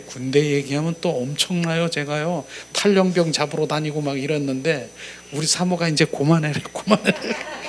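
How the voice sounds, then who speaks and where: A middle-aged male pastor preaching a sermon at a church service, swinging between loud, emphatic exclamations and soft, quiet murmurs. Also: medium pitch, a little hiss or hum.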